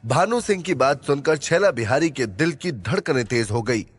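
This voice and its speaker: A man narrating a scripted audio story in a steady, dramatic manner. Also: mid-range voice, moderate pace, husky.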